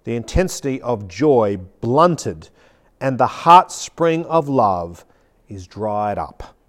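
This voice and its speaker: A man teaching a class on preaching, reading a passage aloud with strong emphasis and slowing down on key words. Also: medium pitch, big pitch swings. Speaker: preaching instructor. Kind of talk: teaching talk with a dramatic read-aloud. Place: seated at a chair.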